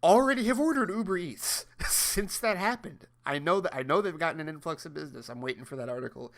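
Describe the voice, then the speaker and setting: A man's voice: a little high, expressive, quick pace, vocal fry, a bit bright. A man co-hosting a podcast in casual chat, rambling with repeated words and restarts and frequent laughs. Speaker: podcast co-host.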